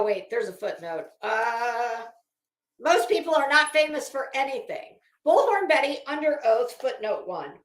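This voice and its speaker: A woman with a fairly high, slightly bright voice hosts a livestream, reading theatrically and sarcastically while tossing in off-the-cuff remarks. The sound is echoey and roomy.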